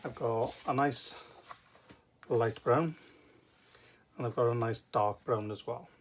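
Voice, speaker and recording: A man's voice: mid-range voice, takes it slowly. A man with a Welsh accent giving a casual, informal craft tutorial, explaining step by step. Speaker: craft demonstrator. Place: indoor craft table. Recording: noticeable background noise with clicks.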